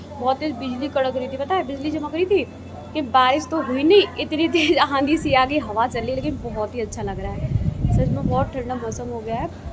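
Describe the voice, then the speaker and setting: A woman's voice: high voice, background noise. A young woman narrating her family's day at home in a rural house, chatty and repeating herself for emphasis. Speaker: family vlogger. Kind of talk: casual vlog narration. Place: rural home with cattle yard and kitchen.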